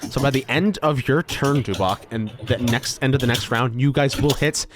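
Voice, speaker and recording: A man's voice: mid-range voice, normal speed, background noise. A man running a tabletop game as game master, narrating in a loose, rambling way full of ums and likes.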